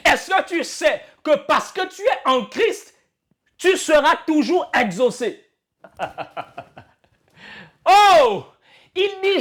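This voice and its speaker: A man preaching in a church with a very high voice. He repeats his lines for emphasis and cries out in fervent bursts, shouting as the sermon builds. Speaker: apostle preaching.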